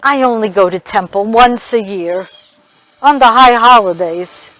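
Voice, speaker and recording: An actress playing a gentle, hesitant older woman in a stage play, stammering softly as she offers comfort. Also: on the high side, measured pace, rough recording. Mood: earnest. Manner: hesitant, stammering, soft-spoken.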